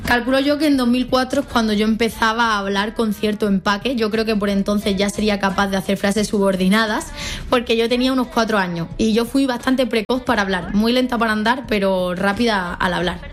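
A young woman from Málaga with an Andalusian accent, giving a fast, joking, chatty radio monologue. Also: medium pitch, fairly even intonation. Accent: Andalusian Spanish from Málaga. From Spain. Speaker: radio presenter.

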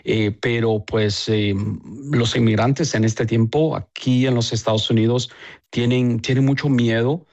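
Halting, gravelly-voiced bishop from El Salvador. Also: male voice, mid-range voice, fairly even intonation, a little mellow, highs cut off. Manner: halting, many pauses and fillers. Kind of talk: interview answers.

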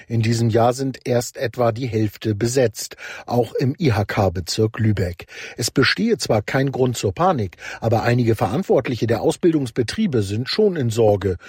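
A man's voice: mid-range voice, darkish tone, husky, no echo, clean studio sound. A man reading a scripted radio news report.

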